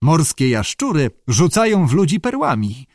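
A man's voice: a little high, big pitch swings, moderate pace, dry recording, clean studio sound, voice pushed up. A man voicing a jealous young American woman who speaks coldly and vindictively. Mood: icy. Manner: cold, vindictive.

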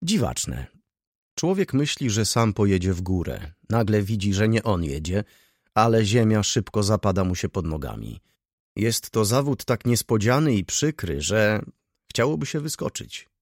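A man voicing a brooding, jealous middle-aged merchant who thinks gloomily and explains calmly in an audiobook. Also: lowish voice, moderate pace, dry recording, studio quality. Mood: explaining.

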